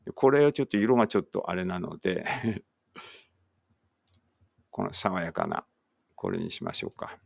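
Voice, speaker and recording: A man's voice: low-pitched, wildly swooping pitch, normal speed, vocal fry, pauses often, darkish tone, dry recording. A man teaching an online English writing lesson, thinking aloud as he types and chatting encouragingly to students.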